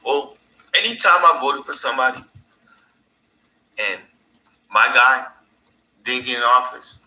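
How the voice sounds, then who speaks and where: A man's voice: mid-range voice, expressive, unhurried, sharp tone. A man hosting his own podcast in a casual, rambling monologue, laughing at his own stories. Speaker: podcast host. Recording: echoey room.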